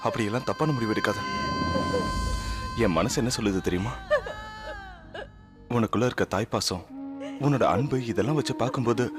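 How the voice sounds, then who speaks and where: An actor playing a gentle husband soothing and reassuring his wife in a TV serial drama. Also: fairly low pitch, brisk, long pauses, over loud music, natural voice. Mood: tender.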